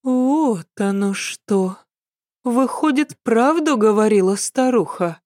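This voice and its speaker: A woman voicing a scheming young maidservant in an audiobook, with a nasal voice and sharp, quarrelsome retorts. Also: a little high, animated, slow, no echo, clean studio sound, voice pushed up. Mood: evasive.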